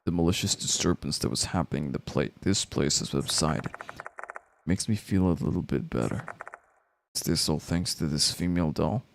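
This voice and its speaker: A man's voice: extremely low pitch, normal speed, creaky, background noise. A man reading game narration aloud dramatically, acting it out and now and then stumbling over a word. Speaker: game streamer.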